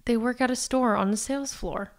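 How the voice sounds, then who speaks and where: A woman co-hosting a casual podcast, animated and teasing, acting out little scenes as she talks. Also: on the high side, fairly quick. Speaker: podcast co-host.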